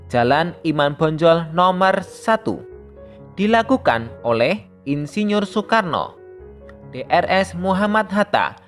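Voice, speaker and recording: Brief: steady, even-toned teacher voice reading a primary school lesson aloud, faint music underneath. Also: medium pitch. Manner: reads steadily, addressing pupils as younger siblings. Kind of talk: scripted lesson narration.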